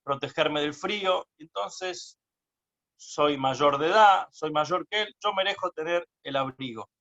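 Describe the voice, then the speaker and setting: A man's voice: a little high, a little slow, gravelly, sharp tone, heavily acted. A man voicing a poor old father who pleads earnestly with a rabbi. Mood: pleading. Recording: dull lo-fi recording.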